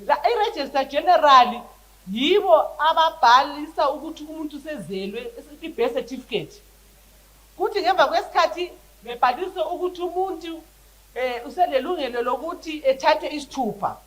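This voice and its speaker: A woman with a Zimbabwean Ndebele accent giving a parliamentary debate speech as a member, in a halting manner with repeated starts. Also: sits high, expressive, low-quality recording.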